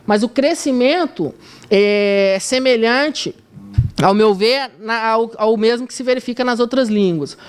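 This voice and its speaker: A woman with a Brazilian Portuguese accent delivers an academic paper at a conference. Her voice sits fairly high and sounds smooth and clear. She reads in a measured way and breaks off now and then for hesitant asides. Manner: measured reading with hesitant asides to the slide operator. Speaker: university historian presenting a paper. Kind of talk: academic conference talk, reading a prepared paper.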